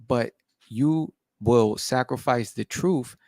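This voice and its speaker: A man's voice: mid-range voice, slow, a little mellow, no echo, studio quality. A man on a podcast panel who lectures in a casual debate and keeps asking "right?".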